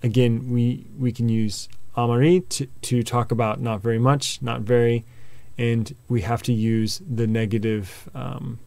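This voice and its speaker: A man teaching a video lesson, patiently explaining with examples and memory tricks, often pausing on filler sounds. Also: medium pitch, fairly even intonation, creaky, warm tone, no room sound. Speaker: language teacher.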